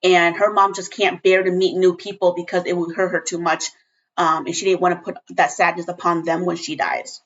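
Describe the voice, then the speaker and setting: Woman cohost spilling tea, lowish voice, crude slang, dull podcast audio. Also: level tone. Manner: gossipy, crude slang, quick reactions. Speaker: podcast co-host. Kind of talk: casual chat.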